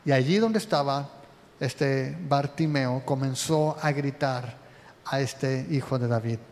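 A man preaching a sermon as pastor, his voice swelling loud and then dropping low. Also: takes it slowly, slight background noise. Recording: long hall reverb.

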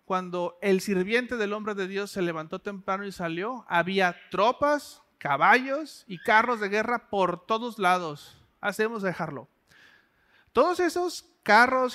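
A man's voice: sits high, bright, forceful tone. A man preaching a sermon in a conversational way, asking the listener direct questions.

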